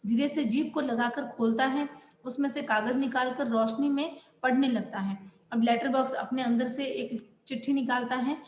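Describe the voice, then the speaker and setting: A woman's voice: high voice, roomy sound, in a large hall, slight background noise. A woman teacher explaining a play to schoolchildren, stopping to define words one by one. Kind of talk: explaining a school lesson to children.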